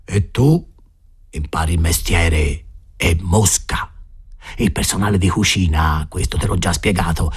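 A man's voice: low-pitched, measured pace, husky, voice pushed down, heavily acted. A man voicing a crude, sly male cook at a boarding school, who lectures and scolds in a coarse way. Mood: sly, scolding.

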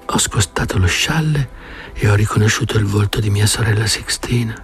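A man voicing a weary old village woman who speaks slowly in a hushed, confiding way in an audiobook reading. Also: lowish voice, husky, faint music behind.

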